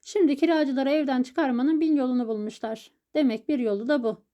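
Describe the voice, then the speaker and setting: Sharp knowing wife read by a woman, mellow tone, kinda explaining like it's obvious. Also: high voice, steady tone, fairly quick, close to an everyday voice.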